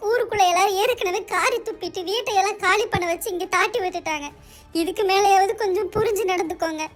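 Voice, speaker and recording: A performer voicing a fiery young wife in an amateur doll serial, scolding her husband in a sharp, rapid-fire way. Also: very high-pitched, soft background music. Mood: accusing.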